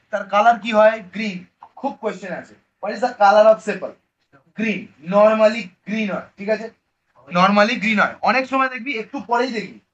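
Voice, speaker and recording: A man with a Bengali accent teaches a biology lesson in a high voice. He fires questions at his students, answers them himself and keeps mixing English terms into casual talk. The recording sounds dull and lo-fi. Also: a bit bright. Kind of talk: online class lecture.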